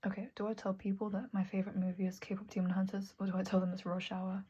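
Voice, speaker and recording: Soft, halting young woman. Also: medium pitch, little pitch movement, slightly rough, muffled recording. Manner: soft, halting, often drops to a whisper, sighs. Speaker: vlogger. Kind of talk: candid personal talk to camera. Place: at her desk at home. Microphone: earbud mic.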